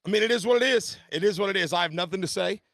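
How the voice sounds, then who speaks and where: A man co-hosting a podcast, talking in a resigned, flat way. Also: high-pitched, racing, dry recording, studio quality. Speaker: podcast co-host. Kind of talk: casual chat.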